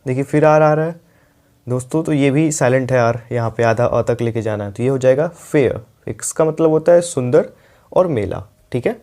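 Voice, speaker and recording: A young man with an Indian accent teaching an English grammar lesson. His voice is mellow and warm at an average pitch. He explains patiently and repeats each example sentence slowly, as if for dictation.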